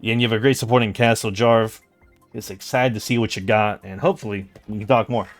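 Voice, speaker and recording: A man's voice: on the low side, steady tone, a little fast, dry recording, soft background music. A man co-hosting casual commentary, playful and enthusiastic. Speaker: co-host.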